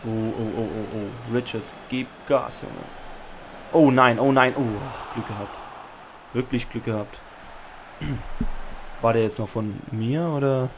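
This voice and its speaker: A young man hosting a football video game let's play, chatting casually and shouting player names when play gets exciting, recorded on a desk microphone at home. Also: medium pitch, slow pace, pauses often, noisy background. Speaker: gaming channel host. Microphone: USB podcast microphone.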